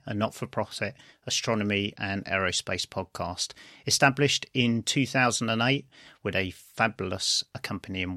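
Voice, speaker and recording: A man's voice: on the low side, creaky, sharp tone, no room sound, clean studio sound. A man hosting a podcast in a scripted but chatty way, with sibilant sounds whistling through his teeth. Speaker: podcast host.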